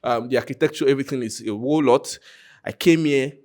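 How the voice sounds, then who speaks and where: A man's voice: mid-range voice, fast talker, a little mellow. A Nigerian man giving an informal, conversational live presentation of his project, joking and speaking directly to his listeners. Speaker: content creator presenting a hackathon project.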